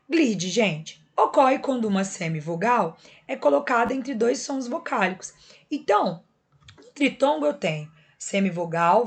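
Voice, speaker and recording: Patient woman teaching a lesson. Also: mid-range voice. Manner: patient, step-by-step explaining, checking in often with listeners. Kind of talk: recorded classroom lesson.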